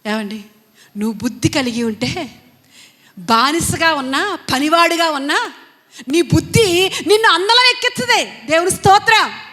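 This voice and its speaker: A woman preacher with a very high, bright and forceful voice delivers a Sunday sermon in a church hall. She presses her points by repeating phrases and asking the congregation question after question. Her voice rings with a long hall reverb. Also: lively intonation, normal speed, pauses often. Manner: emphatic, repetitive, rhetorical questions to the congregation.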